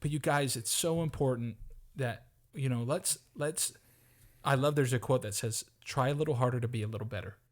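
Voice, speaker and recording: A man at a middle pitch talks in an earnest, upbeat way as a podcast co-host. He pushes a motivational point in loose, casual chat and often restarts and repeats words while he gathers his thoughts. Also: fairly quick.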